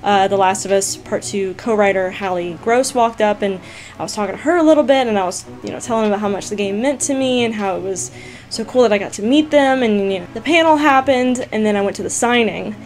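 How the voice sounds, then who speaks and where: A young woman gaming vlogger, telling a story casually to camera, chatty and excitable, full of "like" and "you guys". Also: mid-range voice, fast. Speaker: gaming YouTuber answering viewer questions.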